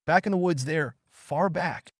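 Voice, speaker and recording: A man's voice: a little high, unhurried, no echo, clean studio sound, pitched above the performer's own voice. A man voicing a sly, taunting seductive woman.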